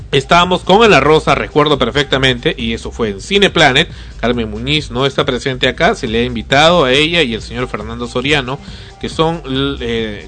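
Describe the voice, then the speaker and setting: A man's voice: fairly high pitch, a bit bright. A man, hosting a talk show and telling a story with indignation and rhetorical questions. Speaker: podcast host.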